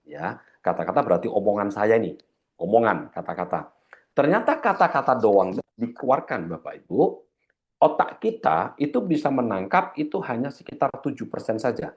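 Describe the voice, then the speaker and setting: A man's voice: lowish voice, sing-song, normal speed. A man giving a training seminar lecture as a corporate trainer, often addressing his audience and repeating key points, his voice slightly heavy from a cough.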